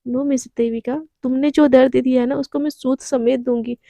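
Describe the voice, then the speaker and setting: A woman voicing a cold, proud young office worker in a spoken love story, speaking in a sharp, scolding way. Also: high-pitched, steady tone, normal speed, gravelly, no echo, studio quality. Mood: curt.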